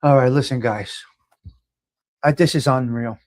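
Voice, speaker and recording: A New York-accented man hosts a laid-back live chat, reading out viewer comments in a medium-pitched, darkish voice at a measured pace. He's emphatic, frequently repeating phrases and starting over.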